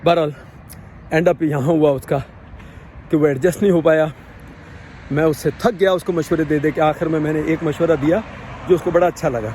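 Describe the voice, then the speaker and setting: A man from Pakistan, telling a personal story in a casual, animated way and acting out the dialogue. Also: fairly high pitch, long pauses, a little hiss or hum. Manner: animated, acts out quoted dialogue. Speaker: vlogger.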